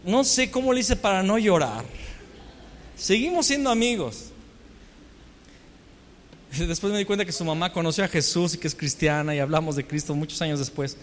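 A man's voice: high-pitched, animated, normal speed, pauses often, a little hiss or hum. A man with a Mexican accent preaching a storytelling sermon, full of rhetorical questions and self-mocking humor. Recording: long hall reverb.

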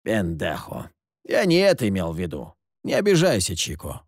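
A man voicing a sick, sardonic grown man who hides in the dark and curses with Spanish words. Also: deep voice, wildly swooping pitch, normal speed, no room sound, clean studio sound, pitched below the performer's own voice, full character voice. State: ill, coughing.

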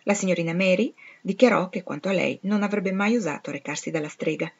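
A woman with a fairly low, somewhat dark-toned voice reads a classic novel aloud, measured and expressive. The recording is dull and lo-fi, with the top end rolled off. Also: husky. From Italy. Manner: measured, expressive storytelling delivery. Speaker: audiobook reader. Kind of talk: literary reading aloud.

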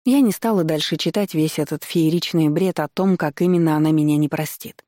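A woman's voice: low-pitched, a little fast, warm tone, dry recording. A young woman narrating a first-person audiobook in a wry, mocking tone, recorded on a close studio mic.

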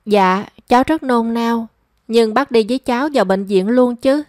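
A woman's voice: on the high side, moderate pace, a little mellow, dry recording, studio quality, close to an everyday voice. A woman voicing a remorseful young woman who pleads with her family. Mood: pleading. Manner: pleading and emotional. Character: young daughter, remorseful and anxious.

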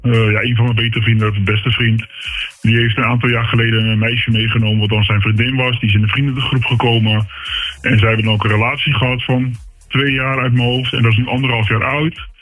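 Man, young adult, deep disguised voice, husky, hesitant, faint music behind. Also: little pitch movement, fairly quick, a bit bright, poor audio. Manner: hesitant, many fillers and restarts. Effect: voice disguised, pitched deep. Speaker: anonymous listener calling in. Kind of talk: casual personal story.

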